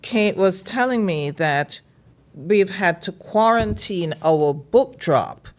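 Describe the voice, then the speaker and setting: A middle-aged woman from Jamaica, a librarian and guest, telling her story in calm, measured casual interview talk. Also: mid-range voice.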